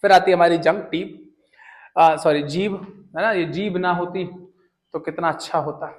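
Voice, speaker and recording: A man's voice: sits high, fairly even intonation, moderate pace. A young man teaching English words in a casual, joking lesson, often asking questions and answering them himself. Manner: chatty, jokey, asks and answers his own questions.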